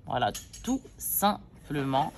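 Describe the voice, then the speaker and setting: A woman's voice: very deep voice, big pitch swings, slow pace, noisy background. A woman, a mother of several children, chatting casually to her viewers as she shows off her shopping, rambling with lots of fillers and self-corrections. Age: adult mother. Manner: addresses viewers directly. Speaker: vlogger. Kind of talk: casual shopping haul chat.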